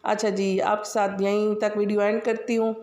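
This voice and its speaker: Speaking at a moderate pace with a level, mid-range tone, this vlogger from Pakistan describes her home routine in a Pakistani Punjabi accent. Her voice is a little mellow but sore and scratchy, and the room adds reverb. It's a rambling, chatty daily-routine voice-over packed with fillers.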